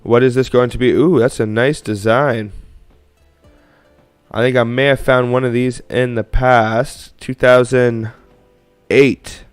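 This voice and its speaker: A man's voice: medium pitch, steady tone, takes it slowly, clear, resonant tone, soft background music. A young man from Canada hosting a coin roll hunting livestream, chatting casually and rambling to viewers as he sorts coins. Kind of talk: casual live-stream chat while sorting coins.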